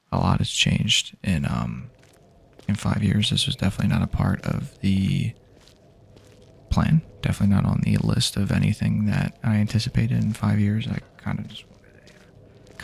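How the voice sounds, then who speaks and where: In an improvised ASMR roleplay, a man plays an easygoing survivor guiding a friend through a post-apocalyptic wasteland, addressing the listener in halting, casual phrases. His voice is deep, husky and gravelly, with soft edges.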